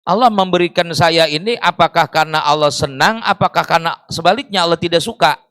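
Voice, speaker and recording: A man's voice: on the high side, brisk, a bit bright, dry recording. Man preaching in a dry close sound. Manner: explains with rhetorical questions and Arabic phrases. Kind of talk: sermon. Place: mosque.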